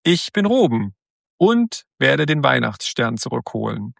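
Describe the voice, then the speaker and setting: A man's voice: mid-range voice, sing-song, measured pace, creaky, no room sound, clean studio sound, full character voice. A man voicing a brave, eager young boy in a storybook.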